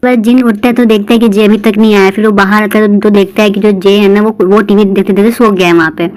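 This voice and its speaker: A woman's voice: medium pitch, fairly even intonation, quick pace, darkish tone, rough recording. A woman casually retelling a drama episode, voicing each character's lines in quotes. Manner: retells each scene in quoted lines, plain conversational delivery. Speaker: drama recap narrator. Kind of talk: casual storytelling recap.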